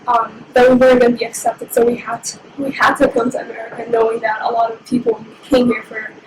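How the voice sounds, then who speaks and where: A nineteen-year-old woman who grew up in Egypt and speaks Somali as her first language, telling her story in an interview in a reflective, unhurried way. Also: a little high. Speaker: interviewee, university student. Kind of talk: personal interview. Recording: echoey room with steady background noise.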